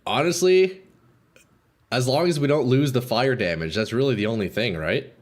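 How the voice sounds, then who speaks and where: A young man live streams a video game and chats casually with his viewers in a slangy, sweary frat-bro way. His voice is medium-pitched at a moderate pace.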